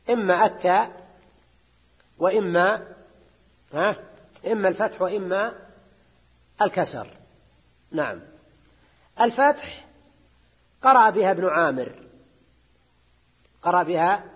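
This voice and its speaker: A sheikh lectures a class in a husky voice, checking in with his listeners through repeated quick questions. His voice sits high, and a long reverb trails after each phrase, as in a large lecture hall.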